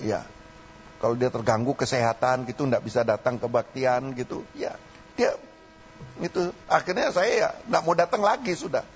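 A man's voice: medium pitch, moderate pace. An older man with a Javanese accent, preaching a folksy sermon as pastor that rises into fervent exhortation. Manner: folksy, mixing in local dialect, rising to preaching fervor. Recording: dull lo-fi recording, faint hum.

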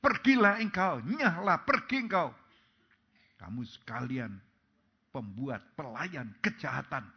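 A man's voice: fairly high pitch, expressive, moderate pace, vocal fry, breathy edge, dull audio, heavily acted. A man preaching, voicing a stern male God who rejects the wicked in solemn, commanding declarations.

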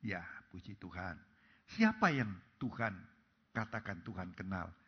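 A man's voice: big pitch swings, a little slow, husky. Fiery preacher man, dull lo-fi recording. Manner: preaching with sweeping shifts between loud calls and soft low phrases. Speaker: pastor. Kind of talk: sermon.

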